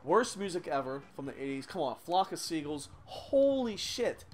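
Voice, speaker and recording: Foul-mouthed ranting gaming commentator. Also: male voice, on the high side, fairly quick. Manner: profane, ranting and sarcastic; rambling with frequent restarts and asides. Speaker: let's play host. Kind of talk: let's play commentary. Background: game music.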